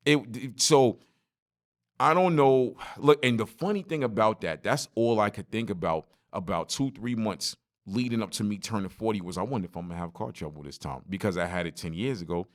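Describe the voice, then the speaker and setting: A man talks alone into the mic for his podcast. His voice sits a little low, and he tells stories in loose, animated street slang, speaking straight to his listeners. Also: fairly quick. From Brooklyn, New York. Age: 40s. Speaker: podcast host. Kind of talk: solo podcast monologue.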